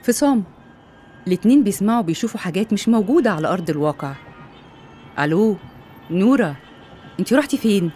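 An actress playing a calm, concerned woman psychiatrist in a radio drama, matter-of-fact, with an Egyptian accent. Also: mid-range voice, fast, pauses often, faint music behind, natural voice. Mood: professional, concerned.

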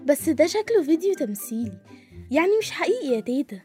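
An actress playing a coaxing young granddaughter with an Egyptian accent in a comedy sketch. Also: female voice, high-pitched, very animated, fast, dark tone, faint music behind. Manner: coaxing, teasing, patient.

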